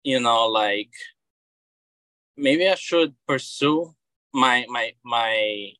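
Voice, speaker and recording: A Brazilian man in his thirties, a comic book creator, chats casually as a guest in an interview, speaking with a Brazilian Portuguese accent. His mid-pitched voice sounds bright and pushed, with words drawn out, and there's no echo. He often repeats words as he starts over.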